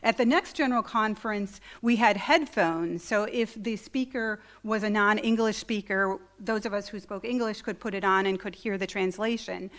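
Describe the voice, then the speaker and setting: A woman's voice: mid-range voice, moderate pace, hardly any pauses, a bit bright. A middle-aged woman, a church conference delegate, giving an informal talk to a meeting with many ums and restarts. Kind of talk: informal presentation. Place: meeting hall.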